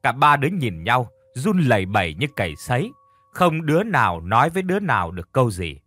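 Animated male storyteller. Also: mid-range voice, brisk, dry recording. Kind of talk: scripted horror story narration.

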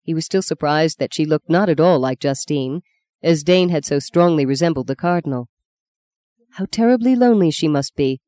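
A woman reads a novel aloud with calm, even delivery. Her voice sits low and mellow, with a warm, dark tone. The recording is dry and close, with no room sound. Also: moderate pace, no room sound. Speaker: audiobook narrator. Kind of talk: scripted narration.

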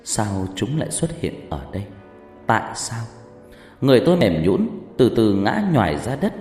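A man narrating a horror story in a hushed, suspenseful way. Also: on the low side, sing-song, normal speed. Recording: reverberant hall with background music.

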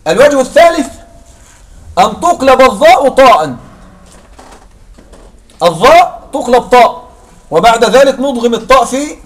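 A man's voice: high-pitched, slight background noise. A man teaching a classroom lesson on Arabic morphology. He keeps checking that his students follow and asks questions, then answers them himself.

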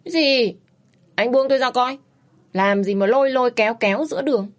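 Woman doing a shrill, stubborn young heroine. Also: moderate pace, lightly acted. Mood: defiant. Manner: shrill, pleading, high-pitched outbursts.

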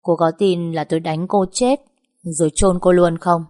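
A woman voicing a gruff young master of a rich household who scolds curtly. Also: on the low side, fairly even intonation, moderate pace, mellow, lightly acted. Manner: curt, scolding.

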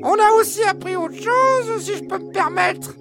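A woman's voice: very high-pitched, normal speed, creaky, over music. A woman voicing three fussy, flustered farmyard hens in a children's audio story, hesitating and stammering as they talk. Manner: hesitant, full of "bah" and "euh".

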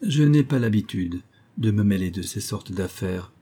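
A man's voice: on the low side, expressive, moderate pace, mellow. A man voicing a young male abbé and painter who talks in a joking, proud way in an audiobook. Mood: wary. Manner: bantering, proud. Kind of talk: audiobook character voice.

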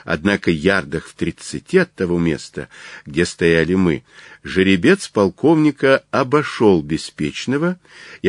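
A male narrator reads a story in an audiobook. His fairly low voice moves lively in pitch while he keeps a slow, careful pace. The recording is close and dry. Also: no room sound. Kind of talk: scripted narration.

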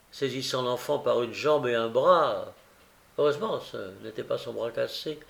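Brief: male narrator, slightly high voice, unhurried and expressive reading. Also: vocal fry. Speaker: audiobook narrator. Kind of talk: scripted narration.

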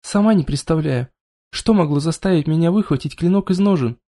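A man narrating an audiobook in the first person, with a fairly high voice. His tone is dark and mellow, and his storytelling stays even and measured. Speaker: audiobook reader.

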